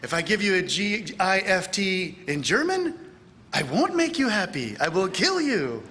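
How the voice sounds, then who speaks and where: High, lively man lecturing in a church. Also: unhurried. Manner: animated, acts out dialogue with raised voice. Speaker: speaker at a church conference. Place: large church hall.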